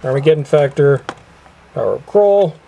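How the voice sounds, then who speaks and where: A man giving a casual walkthrough of his collection, chatty, drawing out each title slowly. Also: on the high side, expressive, creaky, mellow, a little hiss or hum, rough recording. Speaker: collector showing his shelf.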